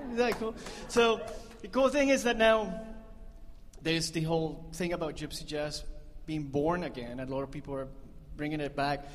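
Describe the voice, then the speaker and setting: A band leader's high-pitched voice comes through with slight background noise and concert hall reverb. He chats and jokes with the audience between songs onstage, often laughing at his own jokes.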